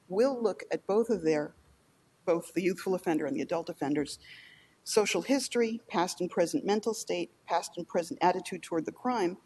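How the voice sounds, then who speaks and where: A woman lawyer delivering a formal oral argument in a measured, deliberate manner in a courtroom. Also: fairly low pitch, a little mellow, slightly rough, rough recording. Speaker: appellate lawyer. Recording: faint background noise.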